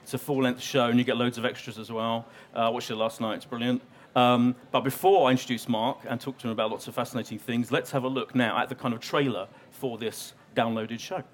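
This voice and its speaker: A man's voice: mid-range voice, steady tone, fast. A man moderating a live event, hesitant with lots of "um"s and restarts. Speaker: guest moderator. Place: in front of a live audience in a store.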